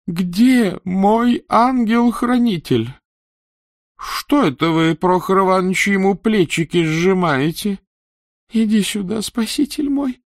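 A man's voice: no echo, clean studio sound. Man doing a fussy old empress. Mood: frantic. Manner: high, breathy put-on woman's voice. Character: aging empress, fussy, easily alarmed.

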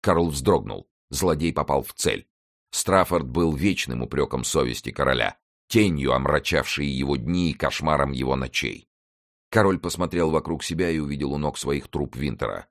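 A man with an extremely deep voice narrates an adventure novel. His reading is steady and measured, carrying the story evenly from line to line. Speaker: audiobook narrator. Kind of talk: scripted narration.

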